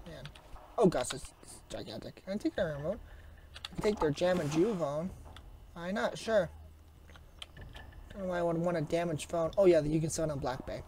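A YouTuber with a raspy voice from a sore throat, chatting and grumbling to themself through casual gameplay commentary. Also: medium pitch, animated, normal speed, pauses often, darkish tone, slight background noise. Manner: mutters and grumbles to self, chatty asides. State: sick with a sore throat, coughing. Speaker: gaming YouTuber.

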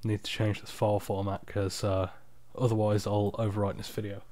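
A tired man giving a casual, unscripted screen-recording tutorial, explaining software steps in an informal, off-the-cuff way. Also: on the low side, little pitch movement, fairly quick, slight background noise. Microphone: external microphone, close and dry.

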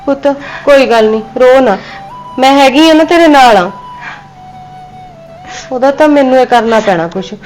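A woman's voice: sits high, normal speed, long pauses, a little mellow, soft background music, lightly acted, rough recording. An older woman playing a worried, soothing mother. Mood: motherly. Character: worried old village mother.

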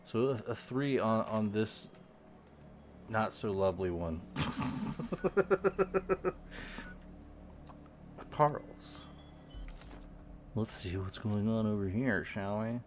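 A man talks over his gameplay in a low, unhurried voice, stumbling over words and circling back with ums and repeats. His commentary is casual and rambling. A faint hum of background noise sits under the recording. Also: a little mellow. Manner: halting, repeats words, frequent ums, slow and mumbling. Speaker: gaming channel host.

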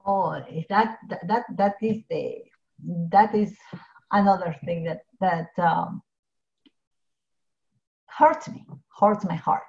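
A middle-aged woman from Ecuador speaks. Her voice sits a little low. She talks earnestly, with fillers and restarts, through dull, lo-fi video call audio from a home office. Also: slow, vocal fry, pauses often, darkish tone. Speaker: pharmacist guest.

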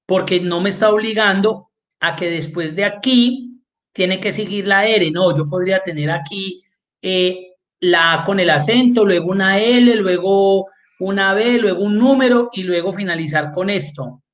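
A man's voice: high voice, measured pace, fairly bright tone. A man teaching an online spreadsheet class, walking through each step and checking in with his students. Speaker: spreadsheet course instructor.

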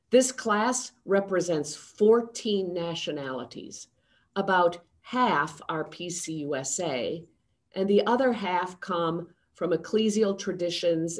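An older woman in her sixties gives a formal, prepared address from her home study over a video call. Her delivery is slow and unhurried, set in a slightly low register, and she keeps a steady, measured tone throughout. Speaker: seminary president. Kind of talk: prepared address to a town hall.

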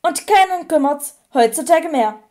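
A woman voicing a gruff, suspicious old male wizard who growls bluntly in an audiobook reading. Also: sits high, animated, moderate pace, darkish tone, voice pushed up.

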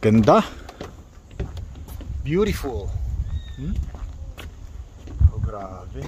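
A vlogger walks outdoors by a lake, talking casually to his viewers and often exclaiming at the sights. His voice is on the low side and darkish, very animated, with drawn-out words. There's slight background noise.

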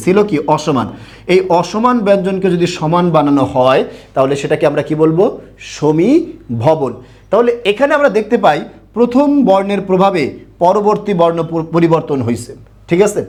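A man's voice: high-pitched, a little mellow. A young man teaching grammar in an online lesson, asking questions and answering them himself, repeating key points. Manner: repetitive, drilling.

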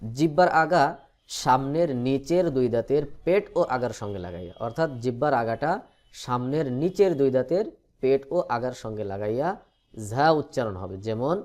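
A man teaching Quran reading, explaining letter sounds patiently and slowly stretching out each letter as a drill. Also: medium pitch, animated, a little mellow. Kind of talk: recorded lesson on letter pronunciation.

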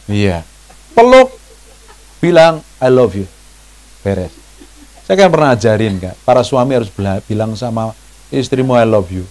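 Lively pastor preaching. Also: male voice, normal speed. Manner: animated, jumps into high mock voices when quoting people; chatty, asks the congregation questions. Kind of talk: sermon.

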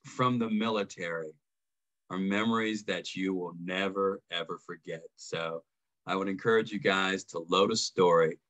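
A man's voice: deep voice, fairly even intonation, moderate pace, a bit bright. A man, an army veteran, casually telling a story from his service in a conversational way with chuckles between lines.

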